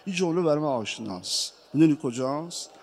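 A man's voice: fairly high pitch, lively intonation, a little mellow. A man delivering an impassioned, mournful sermon recitation as a preacher. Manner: impassioned, mournful, rising to cries.

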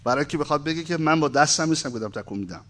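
A man's voice: a little high, expressive, a bit bright. A man giving an informal lecture, reading a text aloud and breaking off into conversational, wry asides. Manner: conversational, asides and wry humor between read passages.

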